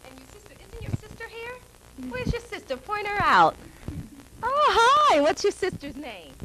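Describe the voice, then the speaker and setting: A woman from New York hosting a children's show, chatting with kids in a lively, encouraging way and laughing often. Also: very high voice, moderate pace, a little hiss or hum, low-quality recording. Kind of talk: casual chat with children.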